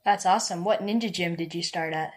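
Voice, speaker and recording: Woman interviewer, kinda low voice, casual chatty. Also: fairly quick.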